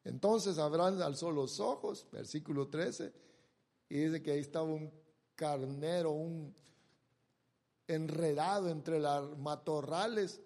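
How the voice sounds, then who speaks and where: A man preaching a sermon, retelling a Bible story and acting out the characters' lines, with dramatic jumps between loud bursts and quiet drawn-out words. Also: on the high side.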